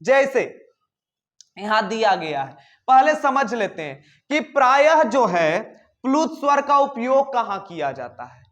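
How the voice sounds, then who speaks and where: Male tutor, very high pitch, repetitive question-and-answer teaching style. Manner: repeats questions and answers them himself. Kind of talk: classroom grammar lesson.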